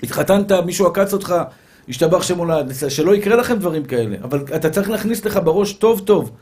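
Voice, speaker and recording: A man, a rabbi, giving an animated sermon full of rhetorical questions and repeated phrases, his speech a little slurred after tooth extractions. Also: sits high. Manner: animated, acts out little scenes and voices.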